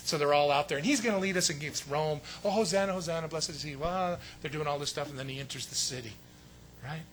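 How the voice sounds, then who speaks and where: A man preaching a sermon with emphatic delivery, swinging between loud stressed phrases and hushed asides. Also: on the high side, fast, a little hiss or hum. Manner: acts out quotes in a raised voice. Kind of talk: sermon teaching.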